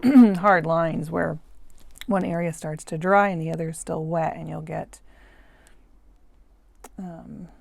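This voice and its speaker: A middle-aged woman, hoarse and losing her voice, chatting casually as she narrates each step of a watercolor painting tutorial in real time. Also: sits low, slow, pauses often, a little mellow, dry recording. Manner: chatty, self-narrating while painting, drops to near whisper at times. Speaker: watercolor art instructor.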